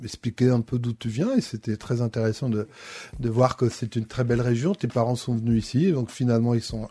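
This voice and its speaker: A man hosting a casual interview, relaxed and using many fillers. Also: mid-range voice, brisk, husky.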